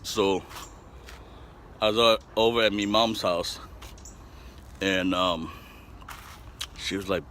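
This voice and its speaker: Give me a lower-voiced man with a forceful, bright tone, joking and cursing through a DIY vlog. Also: steady tone, slow pace, pauses often, a little hiss or hum. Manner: rambling, joking, swears a lot. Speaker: DIY bus-conversion vlogger. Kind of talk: casual profane DIY vlog.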